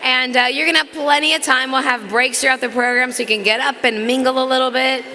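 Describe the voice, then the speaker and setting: A woman's voice: high-pitched, steady tone, fast, sharp tone. A woman who co-anchors TV news, emceeing a live gala in a large banquet hall in a chatty, bantering way that turns solemn.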